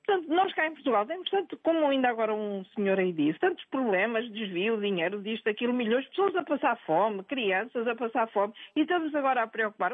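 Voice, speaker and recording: An older woman phones in to a news programme, talking in an insistent, rambling way and circling back over her own words. Her voice sits a little high and comes through a tinny, dry phone line. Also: no echo. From Angola. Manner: insistent, rambling, repeats herself. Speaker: caller. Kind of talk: phone-in opinion.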